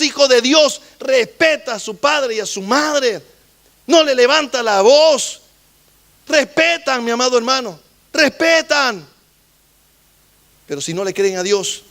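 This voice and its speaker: High-voiced man preaching a sermon. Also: fairly bright tone. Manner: preaching, repeatedly addressing the congregation. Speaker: pastor.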